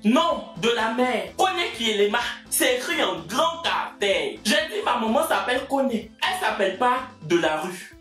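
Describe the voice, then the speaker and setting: A man's voice: high-pitched, a bit bright. A man in his twenties with an Ivorian French accent, answering viewer questions in a joking, mock-boastful way. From Côte d'Ivoire. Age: 20s. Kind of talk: comic Q&A vlog. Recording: echoey room.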